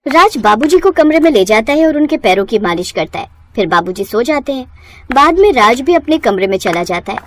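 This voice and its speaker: Expressive woman narrating a storybook cartoon. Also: a little high, fairly quick.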